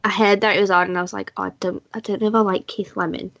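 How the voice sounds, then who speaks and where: A woman co-hosting a podcast, chatting in a relaxed and candid way. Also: mid-range voice, racing, gravelly, no echo. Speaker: podcast co-host. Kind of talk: casual chat. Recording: dull lo-fi podcast mic.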